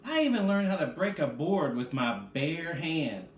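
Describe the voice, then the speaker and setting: This man, a reading teacher, talks to children during a read-aloud lesson, speaking them directly and posing questions he then answers himself. His voice sits a little high, animated, at a normal speed. The recording comes from an echoey room with faint background noise.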